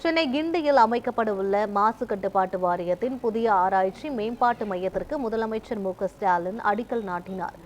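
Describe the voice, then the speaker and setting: A woman reading a news report in a formal, even newsreader style. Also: medium pitch, brisk, hardly any pauses, faint music behind. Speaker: news reader. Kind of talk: scripted news narration.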